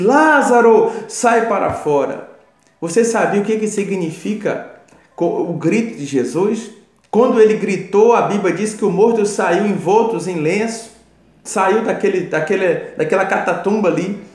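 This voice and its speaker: A man's voice: high voice, darkish tone. A man preaching a sermon, emphatic and repetitive, speaking straight to the listener. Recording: roomy echo with faint music.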